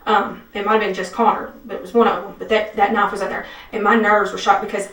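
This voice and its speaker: A woman's voice: medium pitch, level tone, quick pace, a bit bright, far from the mic. A woman being questioned by detectives, rambling anxiously with many restarts. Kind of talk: police interview statement. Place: police interview room. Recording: echoey room, speaker off-mic.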